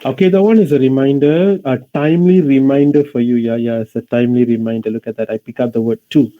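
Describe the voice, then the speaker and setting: A man's voice: mid-range voice, fast talker, narrow, tinny audio. A man with a Malaysian accent teaching an English class in Malaysian English slang mixed with Malay, explaining didactically and often addressing his students.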